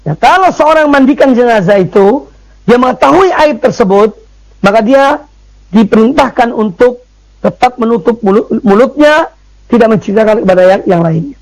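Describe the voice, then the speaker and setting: A man's voice: very high voice, animated, moderate pace, rough recording. A man giving a religious study lecture, emphatic, repeating phrases and dropping in frequent fillers. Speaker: Islamic preacher.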